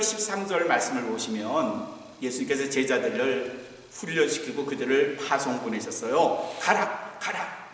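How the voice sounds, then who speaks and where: Man, pastor, sermon, high voice, dramatic hushed-to-loud delivery, distant, booming church reverb. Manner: dramatic, swings from hushed whispers to raised exclamations. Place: church sanctuary. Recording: echoey church hall, voice from afar. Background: long hall reverb.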